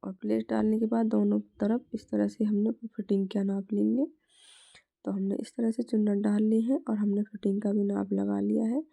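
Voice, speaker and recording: A woman with a hoarse, sore throat, teaching a step-by-step sewing tutorial and repeating her stock phrases as she works. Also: medium pitch, little pitch movement, moderate pace, mellow. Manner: repeats "is tarah se" and "theek hai" constantly; drops to a whisper at times.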